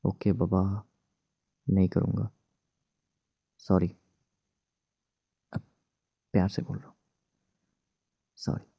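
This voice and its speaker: A man voicing a young husband married to his ex, gruff but tender, in a hushed, soothing, teasing whispered role-play. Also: sits low, monotone, slow pace, pauses often, no room sound, studio quality, exaggerated voice.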